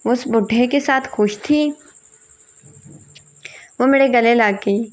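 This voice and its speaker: A woman reading a first-person family drama aloud, voicing every character in her own voice. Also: a little high. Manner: reads all parts in one voice, quoting family members plainly. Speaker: story narrator. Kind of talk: first-person storybook narration.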